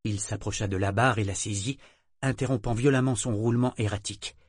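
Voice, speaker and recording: A man narrates an audiobook in a steady, measured way. His voice sits low. The sound is close and dry, with no room around it. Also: slightly rough, no echo.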